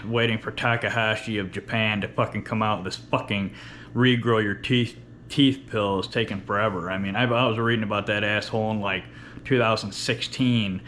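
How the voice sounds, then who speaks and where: Low-voiced lisping man with whistling s, rambling. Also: fairly even intonation, moderate pace, a bit bright, a little hiss or hum. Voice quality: lisp with whistling s, from missing top teeth. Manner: profane, blunt, rambling. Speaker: workout vlogger. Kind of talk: casual unedited rambling vlog. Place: indoor home workout space with running fridge.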